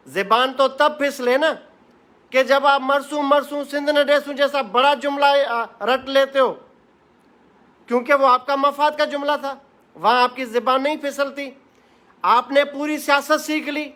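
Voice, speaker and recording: A man's voice: very high-pitched, bright, forceful tone. A man from Sindh, Pakistan, giving an impassioned political address to camera. He talks in a fiery, rhetorical way and repeats phrases for emphasis. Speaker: political commentator.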